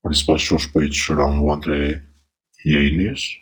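Deadpan man through a deep voice changer. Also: normal speed. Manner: terse, deadpan. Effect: voice changer, distorted very deep and husky. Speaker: podcast guest. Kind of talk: casual chat.

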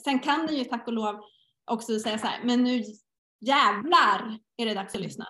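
A woman's voice: on the high side, pushed and bright. A middle-aged woman in a casual podcast conversation, telling personal stories and acting out her inner dialogue. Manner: storytelling, acts out inner dialogue. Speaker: guest teacher. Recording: roomy echo.

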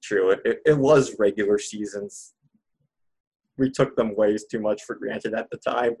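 A man's voice: on the low side, steady tone, a little slow, darkish tone, breathy edge, rough recording. A man co-hosting a sports podcast in casual chat, joking around. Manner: jokey, puts on silly accents. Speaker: podcast co-host.

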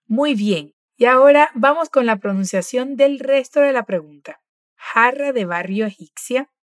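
Woman, encouraging pronunciation teacher, slow clear drills, dry close sound. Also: a little high, expressive, no echo. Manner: patient, encouraging, models words slowly. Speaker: language teacher.

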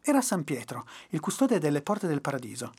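A podcast storyteller reading a folk tale aloud in an expressive, animated way. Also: mid-range voice, fairly quick, slightly rough. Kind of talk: storybook narration.

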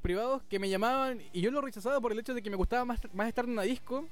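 A man's voice: extremely high pitch, racing, faint music behind. A young man in his twenties from Chile with a Chilean Spanish accent, chatting casually in slangy banter as a guest DJ. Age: 20s. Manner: laid-back slangy banter, laughs often. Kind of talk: casual chat.

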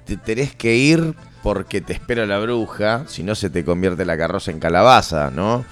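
A man hosting a radio show, teasing his guest with quick wisecracks and questions. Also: lowish voice, expressive, faint music behind. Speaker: radio host. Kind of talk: comic banter on radio. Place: radio studio.

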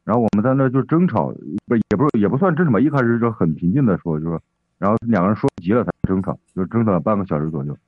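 A man with a low voice phones in to a radio advice program, rambling and hesitant, full of fillers and restarts. He talks fast over a tinny phone line. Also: lively intonation, breathy edge, no echo. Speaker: caller. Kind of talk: phoning in to a radio advice show.

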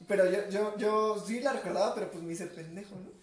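Mexican man, high voice, quick storyteller, distant mic in an echoey room. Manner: slangy, says "güey" constantly. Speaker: podcast guest or co-host. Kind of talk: casual storytelling chat. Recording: roomy, off-mic, faint noise.

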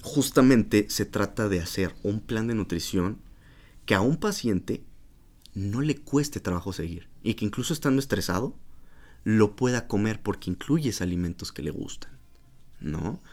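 A man with a Mexican Spanish accent speaks in a somewhat low voice, chatting casually as a podcast guest. He is a nutritionist, animated and jokey, who slips into playful voices to imitate his patients. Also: measured pace.

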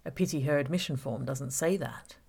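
Here a woman gives full character voice to a gloating male villain in an audiobook, manipulative and mockingly reasonable. She speaks very deep and brisk, with a creaky, slightly rough, darkish tone, and the mood is one of smug menace.

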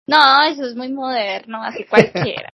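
A woman's voice: a little high, normal speed, pushed and bright, husky, dry recording, muffled recording. A woman co-hosting a podcast, chatty and laughing easily in casual talk. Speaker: podcast co-host. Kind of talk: casual chat.

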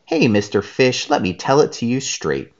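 A man's voice: medium pitch, expressive, moderate pace, gravelly, dull audio. A man voicing a blunt, straight-talking male octopus in a storybook.

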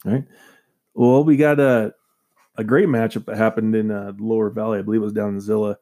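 A man's voice: fairly low pitch, little pitch movement, a little fast, dark tone. A man hosting a local sports radio show, reading scores and joking with his co-hosts in a casual, upbeat way.

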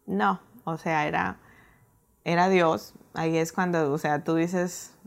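A woman telling a personal story in a casual, animated way, acting out her own reactions. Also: low-pitched, slow pace, vocal fry. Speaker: guest telling her testimony.

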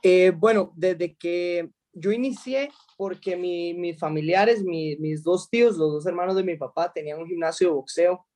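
A high-pitched man from Costa Rica, in his thirties, talks about his life as a fighter. He answers in a halting way, restarting his sentences and filling gaps with small sounds. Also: a little mellow. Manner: hesitant, many restarts and fillers. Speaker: mixed martial arts fighter. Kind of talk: interview answers.

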